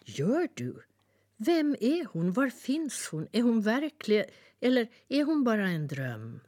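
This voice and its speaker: A woman's voice: on the low side, very animated, darkish tone. A woman voicing a curious, frightened little boy as she reads a storybook aloud, asking eager questions. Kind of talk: storybook reading.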